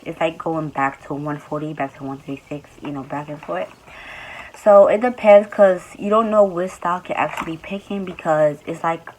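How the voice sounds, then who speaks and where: Young woman vlog host, sleepy and low-pitched, chatty and loose, faint background noise. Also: normal speed, darkish tone, poor audio. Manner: loose, chatty, with many fillers. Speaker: YouTube host. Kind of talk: casual vlog talk.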